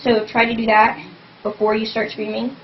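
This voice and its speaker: A young woman vlogger with a fairly high, nearly monotone voice talks at a normal speed in a casual home tutorial on scream technique. She rambles and fills every phrase with "like." The webcam audio is dull and lo-fi, with a faint hum.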